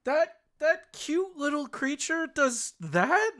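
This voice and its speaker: A woman voicing a curious, fretful townswoman in a tabletop game, stammering and gently prying. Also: high-pitched, big pitch swings, slow, voice pushed up, full character voice.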